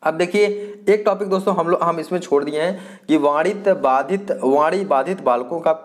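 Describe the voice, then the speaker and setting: A male teacher giving an exam-prep lecture. He repeats his points, asks the class questions and answers them himself, and often hesitates and restarts. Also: on the high side.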